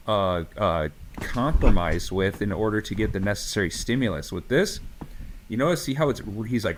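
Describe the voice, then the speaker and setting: A man with a fairly low voice co-hosts a podcast as a strength coach, chatting casually and launching into passionate rants. He swears freely, and his speech is full of fillers and restarts.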